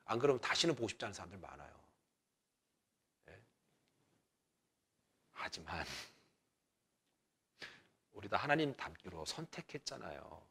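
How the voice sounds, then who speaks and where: A man pastor preaching a Sunday sermon in a chatty way, dropping at times to a near whisper and rising to loud exhortation. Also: deep voice, very animated, normal speed, vocal fry, long pauses, husky.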